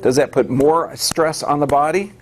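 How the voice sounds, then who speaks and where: A man's voice: a little high, fairly even intonation, moderate pace. A man giving an emphatic health lecture to a live audience, firing off rhetorical questions and answering them himself.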